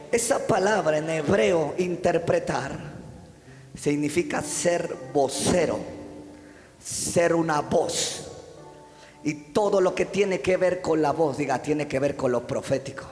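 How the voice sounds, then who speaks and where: A man with a Mexican Spanish accent preaching a fervent sermon, often shouting repeated chants and calling the congregation to repeat after him. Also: on the high side. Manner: calls the congregation to repeat phrases. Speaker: pastor. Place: church hall. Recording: echoey church hall with music.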